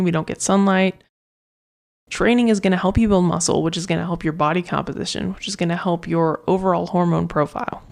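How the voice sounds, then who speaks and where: Chatty woman fitness coach, low gravelly voice. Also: a little mellow. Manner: chatty, rambling, many fillers and restarts. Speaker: fitness coach podcast host. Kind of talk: casual solo podcast talk.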